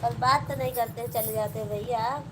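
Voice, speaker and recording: A woman's voice: a little high, steady tone, fairly quick. A woman with an Awadhi accent hosting a casual live stream, chatting with viewers and teasing them in a sisterly way. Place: indoors at home. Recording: loud background noise.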